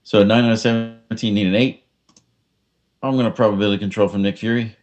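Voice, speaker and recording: A man's voice: lowish voice, steady tone, fast, darkish tone, highs cut off. A man playing a tabletop miniatures game, calling out his moves in casual chat and joking to his pieces.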